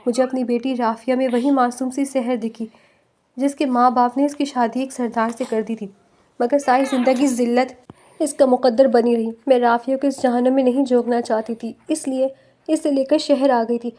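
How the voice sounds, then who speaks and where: A woman's voice: sits high, fairly even intonation, mellow, close to an everyday voice. A woman voicing a grieving, pleading mother. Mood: mournful. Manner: tearful, pleading. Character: grieving, desperate middle-aged mother.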